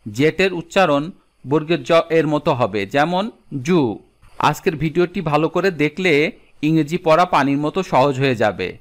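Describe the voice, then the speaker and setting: A man narrating a scripted lesson, slowly listing letters and their example words. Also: fairly high pitch, expressive. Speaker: English teacher.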